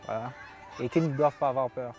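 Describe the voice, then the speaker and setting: A man's voice: medium pitch, fast, over music. A young man speaking earnestly in a documentary interview as a newcomer youth, with a few hesitant fillers.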